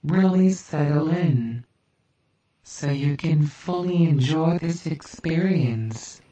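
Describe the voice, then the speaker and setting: A woman leading a guided relaxation hypnosis in a soothing, deliberate manner with long pauses. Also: deep voice, warm tone. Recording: roomy, distant, hissy background noise.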